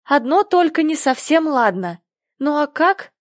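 A woman's voice: high voice, very animated, unhurried, no echo, clean studio sound. A woman reading the part of a polite, earnest young girl in a storybook who takes offense easily. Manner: prim, earnest.

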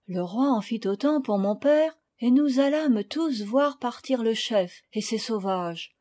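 Mellow, higher-voiced woman reading a story. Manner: calm, measured storytelling with dramatic rises. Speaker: audiobook reader. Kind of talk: scripted narration.

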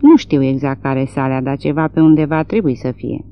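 A woman reading the part of a rural man with a rough, hurried voice, from a dull lo-fi recording. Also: a bass voice. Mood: dismissive.

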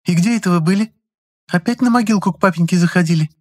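A man's voice: high voice, quick pace, pitched above the performer's own voice. A man voicing a caustic prim young woman. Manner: sharp, indignant, biting. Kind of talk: audiobook character voice.

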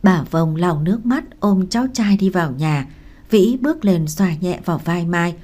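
A woman narrating a novel in a calm, measured storytelling manner. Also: fairly low pitch. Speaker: audiobook narrator.

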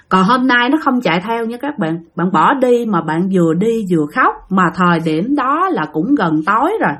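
A woman with a Southern Vietnamese accent telling a spooky story dramatically, speaking straight to her listeners. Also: fairly high pitch.

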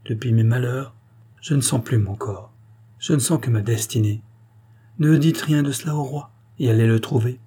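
A proud but despairing queen, as a male reader puts her on, sorrowful and weary. The husky, mellow voice lifts slightly for her, swinging between hushed and stronger phrases. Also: medium pitch, moderate pace, close to an everyday voice. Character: grieving, fearful queen, proud yet despairing.

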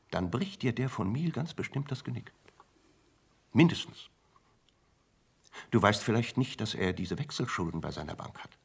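An actor playing a guarded, superior judge in a radio play, cool and clipped in his reproofs, with a husky voice. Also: mid-range voice, full character voice. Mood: confiding. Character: cold, guarded male judge, evasive and superior. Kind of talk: radio drama acting.

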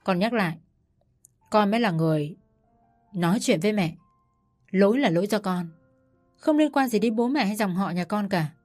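A woman voicing a defiant young wife who answers back in firm, measured words. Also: mid-range voice, animated, darkish tone, soft background music, lightly acted. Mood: firm defiance.

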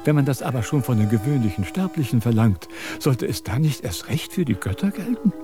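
An actor playing a self-important sage who lectures and scolds in a radio drama. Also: male voice, mid-range voice, very animated, brisk, over music, close to an everyday voice. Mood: lecturing. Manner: pompous, preachy, scolding.

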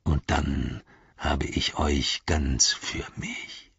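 A man voicing a sly, menacing male orc who hisses and whispers slowly, with a husky voice in a slightly dull recording. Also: extremely low pitch, steady tone, a bit bright, no echo, voice pushed down, full character voice. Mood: vicious threat. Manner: hissing, whispery, slow and drawn-out.

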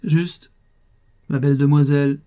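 A man reading aloud and voicing a shabby, sly old male bailiff's clerk who talks in a wheedling, grandly flattering way. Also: medium pitch, normal speed, dull audio, voice pushed up, close to an everyday voice. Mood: sly, jovial.

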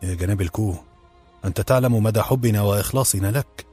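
A man's voice: fairly low pitch, quick pace, darkish tone, slightly rough, faint music behind. A man voicing a middle-aged head waiter with an Egyptian accent, speaking deferentially and insistently. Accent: Egyptian Arabic.

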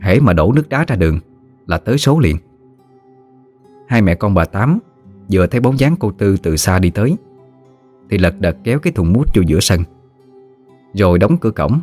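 A man with a Southern Vietnamese accent tells a story in a lively, slangy, teasing manner. His voice sits on the low side, and soft background music plays beneath him. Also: moderate pace, pauses often. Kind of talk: colloquial story narration. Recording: faint music behind.

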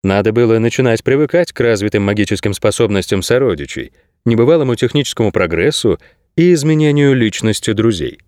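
A man narrating an audiobook in a steady, expressive storytelling manner. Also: lowish voice, brisk, no room sound, clean studio sound. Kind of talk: scripted narration.

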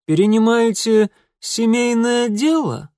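A man voicing a smug, mocking young gentleman. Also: very high voice, lively intonation, slow, no echo, studio quality, pitched above the performer's own voice, full character voice. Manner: mocking, drawling.

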